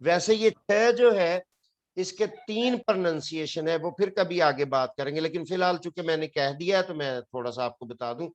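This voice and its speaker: This English spelling lesson is taught in a classroom by a man from Pakistan who patiently explains and repeats each word. His voice is a little high, his pace moderate, and the recording's highs are cut off.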